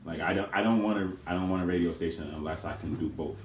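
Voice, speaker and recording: A man with a very deep voice lays out his ideas earnestly and with emphasis in a casual Q&A with his twin. The room is echoey, with a faint hiss in the background. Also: fast talker. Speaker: co-host twin. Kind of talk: casual Q&A chat.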